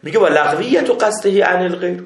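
High-voiced man lecturing in a roomy hall. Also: expressive. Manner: explains step by step, checks students follow; reads Arabic text aloud slowly then explains. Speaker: seminary teacher. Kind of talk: classroom lecture on Islamic jurisprudence.

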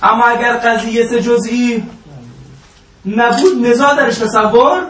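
High-voiced man teaching in an echoey room. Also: a little hiss or hum. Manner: lively lecturing, drawn-out emphatic Arabic phrases, joking asides. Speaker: seminary teacher. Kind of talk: informal religious law lesson. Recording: roomy echo, voice from a distance.

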